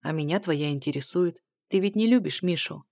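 Woman reading confident man, calm, insistent, audiobook dialogue, dry close mic. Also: lowish voice, fairly quick, no room sound. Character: persistent confident man, the ex-partner.

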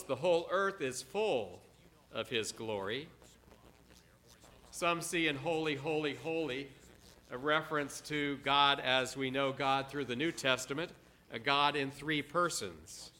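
Bright-voiced man preaching a sermon. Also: medium pitch. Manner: dramatic, repeats words for emphasis, slows on quiet phrases.

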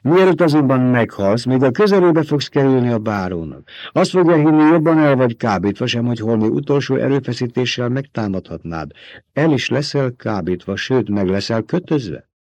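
Audiobook character: man voicing a high, feverish old traitor doctor, intimate and coaxing, dry close recording. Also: expressive, darkish tone, dry recording, lightly acted. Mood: intense, confiding.

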